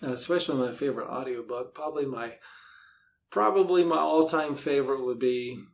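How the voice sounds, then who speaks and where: A man with a medium-pitched voice speaks fairly quickly in a casual podcast interview, where he's a podcast host and author being interviewed. He rambles a bit while thinking aloud, with faint background noise in the recording.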